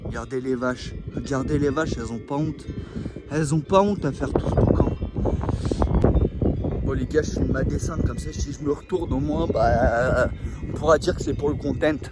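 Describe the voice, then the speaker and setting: A man's voice: mid-range voice, moderate pace, over loud music, poor audio. A man vlogging casually outdoors, joking and swearing in loose slang as he talks to the camera. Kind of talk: casual outdoor vlog chat. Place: outdoors on a mountainside.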